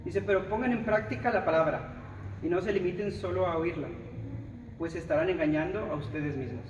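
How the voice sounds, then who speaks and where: A man preaches in a Mexican accent, his fairly high voice emphatic as he talks straight to his listeners. He is picked up from a distance in a reverberant church hall, and the sound is dull, with steady noise underneath. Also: fairly quick. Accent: Mexican Spanish. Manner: emphatic, speaks straight to the listener, acts out others' words. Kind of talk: sermon.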